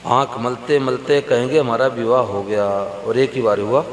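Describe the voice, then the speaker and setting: A man giving a devotional sermon, telling stories slowly and speaking straight to the gathered listeners. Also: mid-range voice, steady tone. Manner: slow, storytelling, addresses the audience directly. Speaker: preacher. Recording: roomy hall reverb with faint hum.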